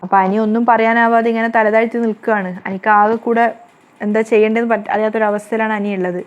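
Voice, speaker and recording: A woman runs through a TV serial episode at a quick clip, her voice sitting slightly high. She stumbles and corrects herself now and then as she keeps the story moving. The recording sounds dull and lo-fi. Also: little pitch movement. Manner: rapid storytelling with frequent self-corrections.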